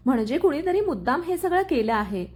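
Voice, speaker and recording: A woman voicing a gentle, wronged young wife who speaks in a hurt, pleading way. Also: high voice, sing-song, brisk.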